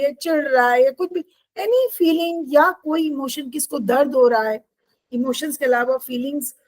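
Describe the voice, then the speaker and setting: A woman's voice: sits high, no echo, low-quality recording. A woman teacher explaining poetry devices to a class, patiently checking in with her students.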